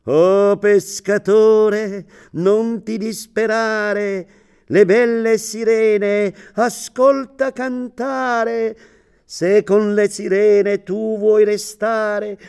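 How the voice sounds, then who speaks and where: A man voicing a chorus of cruel sea sirens in a storybook tale, chanting a slow, high, loud sing-song lure. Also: steady tone, vocal fry, smooth, full character voice. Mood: luring.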